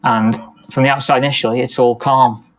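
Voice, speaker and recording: Flat-voiced police officer. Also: male voice, medium pitch, brisk, slight background noise, low-quality recording. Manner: steady, matter-of-fact recounting. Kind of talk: documentary interview recounting a shift.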